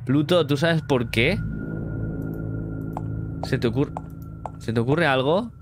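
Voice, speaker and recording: Guy from spain playing a creepy game on stream, reads stuff out loud, lots of uy and hostia, noisy background hum. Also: a little high, takes it slowly. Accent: Spain Spanish. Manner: reads game text aloud and reacts with startled exclamations. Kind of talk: casual let's play commentary.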